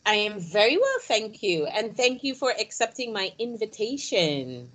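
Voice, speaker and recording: A woman hosting a podcast, introducing the show and interviewing a guest in a measured, deliberate way. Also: mid-range voice, big pitch swings, fairly bright tone. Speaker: podcast host.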